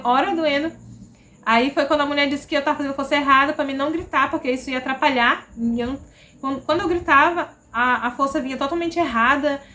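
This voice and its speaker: Fast-talking high-voiced Brazilian woman. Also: sharp tone. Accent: Brazilian Portuguese. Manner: chatty, repeats herself, frequent "entendeu?". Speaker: vlogger. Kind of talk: casual personal storytelling.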